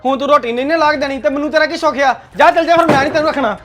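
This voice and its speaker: A man's voice: very high-pitched, very fast, faint music behind. A man playing a hot-tempered, bossy young husband. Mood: angry, bossy. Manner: shouting, bossy commands. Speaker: actor in a family skit.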